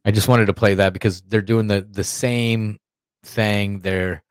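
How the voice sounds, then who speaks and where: A man hosting a casual podcast, talking in a crude, mocking and animated way. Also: lowish voice, a little slow, clean tone, dry recording. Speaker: podcast host. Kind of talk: casual profane chat.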